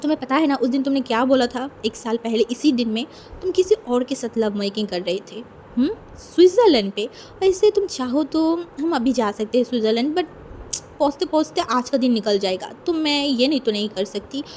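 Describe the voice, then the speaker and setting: A woman's voice: high-pitched, lively intonation, brisk, slight background noise. A woman voicing a possessive, teasing young male lover in a fan fiction reading, talking in a coaxing, playful way. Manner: coaxing, playful, soft-spoken. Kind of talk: fan fiction read aloud.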